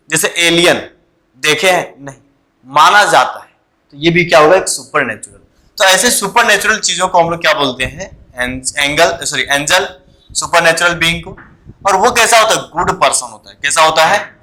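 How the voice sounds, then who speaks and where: Man, vocabulary teacher, bright tone, a bit high, repeats key words, answers his own questions. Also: poor audio. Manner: asks questions and answers them himself. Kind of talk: online vocabulary class.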